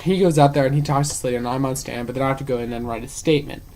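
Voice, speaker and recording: A young adult vlogger with a mid-range, mellow voice and fairly even intonation talks very fast in a low-quality recording. At home, they tell work stories in a casual, chatty way, full of fillers and acting out what other people said.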